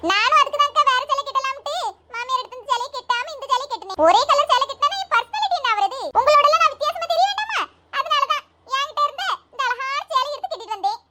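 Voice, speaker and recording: A woman's voice: very high-pitched, pushed and bright, full character voice. A woman playing chatty, teasing young village women at a wedding in a comedy skit. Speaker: comedy channel performer.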